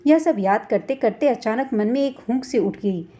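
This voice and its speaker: A woman's voice: on the high side, normal speed, mellow. Woman telling a heartfelt family story. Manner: earnest, emotional storytelling. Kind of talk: first-person story narration.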